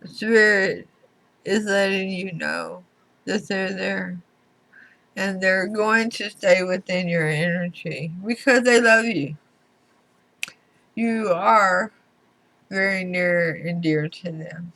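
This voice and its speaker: A woman giving a tarot reading to viewers in deliberate short phrases, her speech slightly slurred as if from a swollen mouth. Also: medium pitch, gravelly, fairly bright tone, low-quality recording. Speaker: tarot reader.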